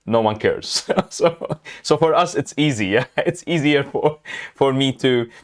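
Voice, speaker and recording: A man from Lebanon hosting a casual interview, talking in a halting way with lots of fillers and frequent laughs. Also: mid-range voice. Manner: hesitant, many fillers, laughs often. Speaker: host.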